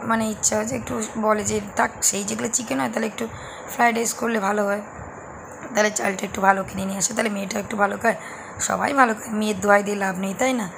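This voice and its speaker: A woman with a hoarse voice, chatting casually to her viewers as she narrates her morning in her home kitchen. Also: fairly high pitch, noisy background. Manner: chatty, addresses viewers directly. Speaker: vlogger, mother.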